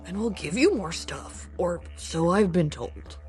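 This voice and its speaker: A woman playing a cagey informant who gives secret directions in an audio drama, slow and drawn-out. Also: on the low side, expressive, a little mellow, soft background music.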